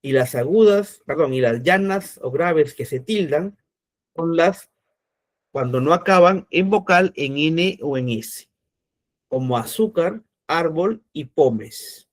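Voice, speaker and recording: Guy teaching an online class, kinda high voice, keeps checking in with students. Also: takes it slowly. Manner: explains step by step, frequent "¿no?" checks.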